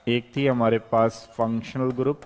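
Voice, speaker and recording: A man's voice: mid-range voice, flat delivery, moderate pace, a little mellow. A male chemistry teacher giving a board lecture to students. He explains step by step as he writes and keeps checking in with "okay". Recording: long reverb, hall-like room.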